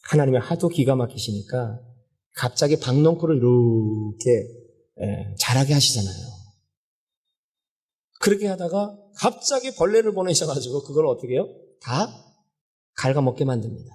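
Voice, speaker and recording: A male pastor preaching a sermon, telling the story in a lively way, often asking the congregation questions and acting out what people said. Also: medium pitch, moderate pace, pauses often, breathy edge.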